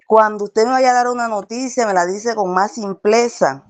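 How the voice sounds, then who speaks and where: A woman voicing an indignant male ranch owner, with a quick, scolding delivery. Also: on the high side, voice pushed up, natural voice.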